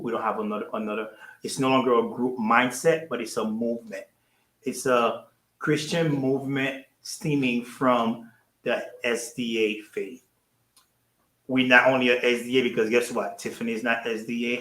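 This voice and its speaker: A man speaks at a middle pitch in a roomy, echoing space. He leads a ministry and talks to his livestream audience casually. He is earnest and keeps repeating his thanks. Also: fairly bright tone. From Haiti. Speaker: ministry leader hosting a livestream. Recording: roomy echo.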